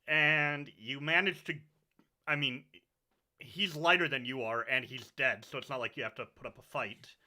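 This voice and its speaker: A man's voice: mid-range voice, normal speed, bright, forceful tone. A man acting as game master, mixing casual chat with narration for a tabletop game.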